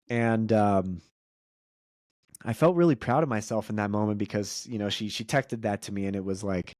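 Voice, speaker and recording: A man's voice: on the low side, moderate pace, darkish tone, dry recording, studio quality. A man co-hosting a podcast with his father, talking casually, rambling with restarts and fillers. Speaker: podcast co-host.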